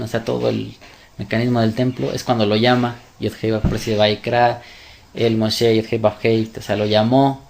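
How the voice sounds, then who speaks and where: A man teaching scripture in a sermon style, emphatic and fond of rhetorical questions. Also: fairly low pitch. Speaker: religious teacher.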